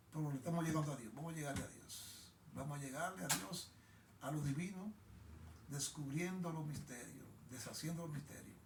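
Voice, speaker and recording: A man's voice: fairly high pitch, echoey room, far from the mic, slight background noise. A man with a Dominican accent hosting a live online show in a casual, rambling monologue, often repeating himself and restarting sentences.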